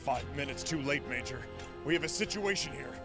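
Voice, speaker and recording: Gruff, creaky-voiced soldier. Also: male voice, medium pitch, expressive, a little fast, music in the background. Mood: wry, tense. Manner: blunt, commanding. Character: gruff, hot-headed male soldier, a squad sergeant. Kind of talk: video game voice acting.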